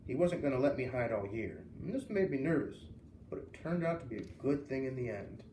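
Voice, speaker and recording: Reading from a children's novel, this storyteller gives the characters' lines lively, expressive voices. His pitch is medium, his tone warm, and his pace a little quick. A faint hiss and a far-off mic make the room sound spacious.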